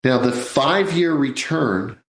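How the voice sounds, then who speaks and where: A man's voice: mid-range voice, animated, slow pace, reverberant, rough recording. A man in his sixties hosting a live financial radio show, chatting in a folksy way and calling his listeners folks. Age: 60s.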